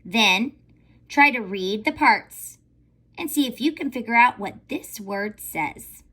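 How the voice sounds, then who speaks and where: A woman teaching a recorded phonics lesson to young children in an animated, sing-song teacher voice. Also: fairly high pitch, slow, slightly rough. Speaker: elementary school teacher.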